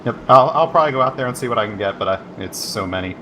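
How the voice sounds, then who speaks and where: A man's voice: mid-range voice, lively intonation, rapid-fire, bright, forceful tone, slight background noise. A man speaking casually as an interviewed racing driver. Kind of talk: casual chat.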